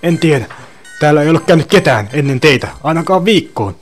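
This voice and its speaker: A man's voice: fairly high pitch, darkish tone, faint music behind, voice pushed up, natural voice. A man voicing a frightened young man who has been knocked to the floor, speaking in strained, pleading outbursts in a storytelling reading. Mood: panicked.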